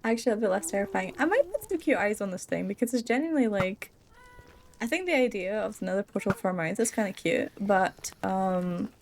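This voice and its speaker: A young woman talks her way through a building game in a loose, rambling way, laughing often and joking at her own expense. She sounds worn out, and her voice sits a little high for a woman. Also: a little mellow. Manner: giggly, rambling and self-deprecating. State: tired. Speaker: Minecraft let's play creator. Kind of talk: casual gameplay commentary.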